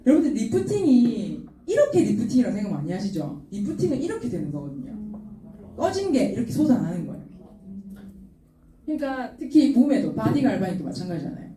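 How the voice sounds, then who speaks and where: Animated woman speaker in an echoey hall. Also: a little high, a little hiss or hum. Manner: animated, laughing, acts out quoted customers. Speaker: product seminar speaker. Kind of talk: lively sales seminar talk. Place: seminar hall. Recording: roomy hall sound from far off.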